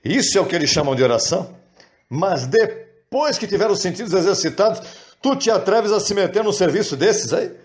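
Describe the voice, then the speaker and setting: A man preaches with real animation. His voice sits fairly high, and he stretches words out for emphasis. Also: brisk. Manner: animated, acts out quoted prayers in high wailing voices. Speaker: pastor. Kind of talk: sermon.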